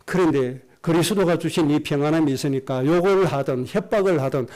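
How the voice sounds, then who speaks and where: A man's voice: fairly high pitch, a little fast, darkish tone. A middle-aged man, preaching a sermon as pastor and telling a personal story in an earnest way. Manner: earnest storytelling, acts out quoted speech.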